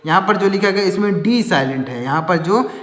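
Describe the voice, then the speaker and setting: A man's voice: high-pitched, expressive, brisk, a bit bright. A man teaching English vocabulary in Hindi, repeating each word and quizzing the viewer, pointing at words on a board. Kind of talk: Hindi-language English lesson. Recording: echoey room with long reverb.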